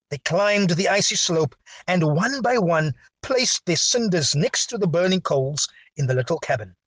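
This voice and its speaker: A man preaching a sermon with a dramatic, drawn-out delivery and big swings in pitch. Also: a bit bright, husky, dry recording.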